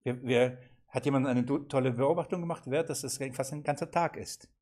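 A man leads an interactive Bible seminar. He keeps asking his listeners questions and acts out the lines he quotes. His pitch sits in the middle for a man. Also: fairly quick, a little mellow. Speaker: seminar teacher.

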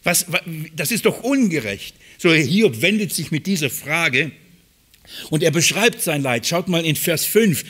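A man's voice: fairly high pitch, sing-song, measured pace, a bit bright, slightly rough. A man preaching a sermon, earnest and emphatic, often repeating words for stress.

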